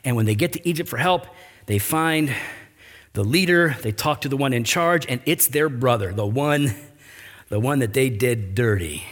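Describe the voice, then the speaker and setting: Animated man preaching a sermon. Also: normal speed. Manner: animated preaching, pitch and volume rising for emphasis; conversational, with restarts and asides. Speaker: pastor.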